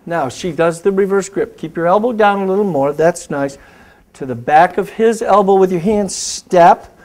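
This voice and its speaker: A man's voice: high voice, moderate pace, darkish tone. A man hosting a safety show, coaching a self-defense technique step by step. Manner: coaching, giving step-by-step commands. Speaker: host and martial arts instructor. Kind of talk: instructional demonstration, talk show.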